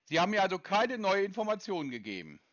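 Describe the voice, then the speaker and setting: A man's voice: sits high, very animated, quick pace, a bit bright, no echo, muffled recording. A man making a prank call to a scam call center, impatient and lecturing, talking over the other side. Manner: impatient, lecturing, interrupts often. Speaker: scam-baiting caller.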